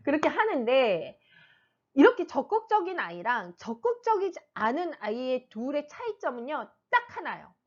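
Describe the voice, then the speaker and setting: A middle-aged woman teacher talks casually to parents in a fairly high, very lively voice that swings up and down. She slips into quick acted asides of children and mothers. The recording sounds a little dull and lo-fi. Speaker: reading teacher giving parenting advice. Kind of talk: casual explanatory talk to parents.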